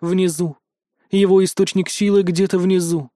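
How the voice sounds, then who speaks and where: A man's voice: high-pitched, level tone, moderate pace, no echo, studio quality, natural voice. A man voicing a sorrowful fir tree goddess. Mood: sad. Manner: soft, sad, without reproach.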